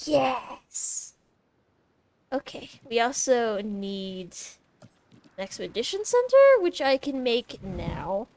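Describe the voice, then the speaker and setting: A woman giving casual, excitable commentary while she plays a video game, often squealing with delight. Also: fairly high pitch, very slow. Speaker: gameplay streamer.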